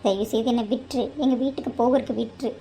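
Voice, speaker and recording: A woman's voice: on the high side, fairly even intonation, very fast, warm tone, a little hiss or hum, natural voice. A woman voicing a married young woman in a cartoon who scolds and pleads with an exasperated edge. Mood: pleading. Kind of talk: cartoon voice acting.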